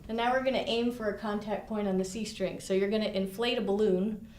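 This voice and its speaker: A woman's voice: mid-range voice, steady tone, a little fast, darkish tone, soft background music. A woman teaching viola technique to students in a studio, explaining with vivid images and encouraging tone. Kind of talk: instructional lesson with demonstration. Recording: echoey room.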